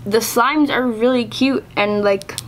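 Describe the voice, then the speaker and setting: A woman's voice: a little high, measured pace, a little hiss or hum. A young woman casually reviewing products in a vlog, chatty and exasperated, with lots of filler words. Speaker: YouTuber.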